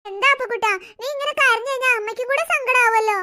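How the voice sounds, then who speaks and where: A woman's voice: very high-pitched, fast talker, sharp tone. A woman doing a fussy scolding cartoon mother. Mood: coaxing. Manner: scolding, nagging, coaxing. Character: scolding mother of three, fussy but loving. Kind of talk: cartoon voice acting.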